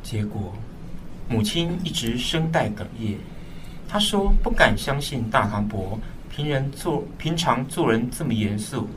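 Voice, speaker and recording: This man's medium-pitched delivery is close to an everyday voice as he narrates a radio drama in the first person, following a script. He plays a dutiful, troubled eldest son carrying heavy burdens, speaking solemnly and earnestly. Music plays behind him, there's background noise, and the mic is slightly distant.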